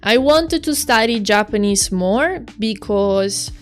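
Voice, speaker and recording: An Italian woman streamer with an Italian accent chats casually on a livestream while drawing, her mid-range voice lively in intonation and slow in pace. She is chatty and giggly, often trailing off and restarting sentences. Faint music plays behind her.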